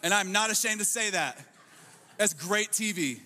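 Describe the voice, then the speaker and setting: A man's voice: high voice, moderate pace, slight background noise. A young adult man, a pastor, preaching a casual sermon full of jokes and stories. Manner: casual, joking, animated storytelling with many "like"s. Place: church auditorium. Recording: long reverb of a large hall.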